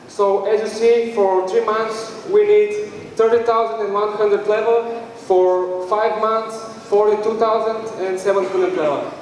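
A young man with a Bulgarian accent and a high voice hesitantly delivers a live pitch for his startup team on the stage of an indoor event room. His intonation is fairly even and his pace a little slow. A far camera picked up his handheld mic, so the hall sounds very echoey and distant, with faint noise.

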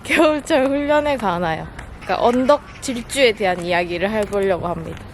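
A woman's voice: mid-range voice, animated, brisk. A woman vlogging casually about running, chatting informally with grumbling asides between her announcements. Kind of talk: casual running vlog chat. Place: outdoors in town and at sports grounds. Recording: noisy outdoor recording with crowd and traffic.

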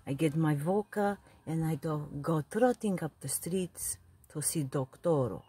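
A woman's voice: deep voice, unhurried, warm tone, dry recording, full character voice. A woman voicing an elderly immigrant grandfather who rambles bawdily in broken English. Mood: rambling. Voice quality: very husky. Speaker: comedy video character. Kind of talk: comic character monologue.

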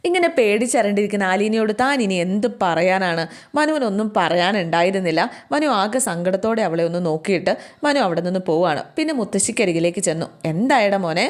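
A woman's voice: medium pitch, animated, brisk. A woman retelling a family drama as a chatty oral storyteller who talks straight to her listeners and often restarts mid-word.

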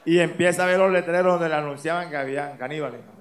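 A man from Colombia with a Caribbean coast accent, telling stand-up jokes and jumping into loud character voices and sound effects. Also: on the high side, fairly even intonation, fast talker, reverberant. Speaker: stand-up comedian.

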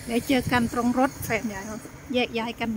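High-voiced older woman vlogging casually over noise. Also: steady tone, brisk, poor audio. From Thailand. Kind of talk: casual chatty vlog narration to friends. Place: on the move in a car, shops and town streets. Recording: clear car and ambient noise.

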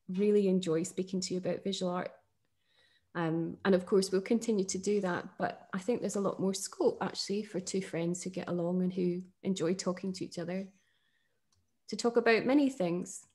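A middle-aged woman with a Northern English accent hosting a casual conversation about poetry, thoughtful and enthusiastic, with fillers and soft laughs. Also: lowish voice. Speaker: podcast host.

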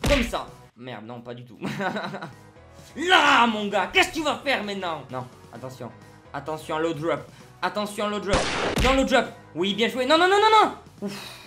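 A man giving excited live commentary on his own football video game match at home, swinging between loud shouts and low muttering. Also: measured pace, music in the background. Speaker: gaming YouTuber. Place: at home alone.

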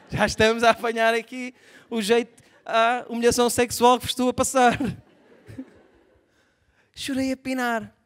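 A young man with a European Portuguese accent doing live stand-up comedy, animated and self-mocking, swinging from soft asides to loud outbursts. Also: very high voice. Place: theatre stage before a live audience.

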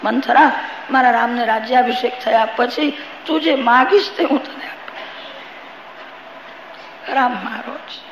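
A man's voice: extremely high pitch, steady tone, unhurried, pauses often, roomy sound, background noise. A man voicing a doting queen mother. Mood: fond joy. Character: loving queen mother, eager and generous.

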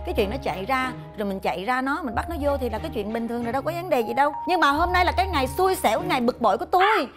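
A woman's voice: high-pitched, lively intonation, very fast, hardly any pauses. An actress playing a fussy, hot-tempered middle-aged mother, telling her story in a chatty, dramatic way. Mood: aggrieved. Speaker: dog-owning mother in a traffic-safety skit. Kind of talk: televised comedy sketch acting. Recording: music bed under the dialogue.

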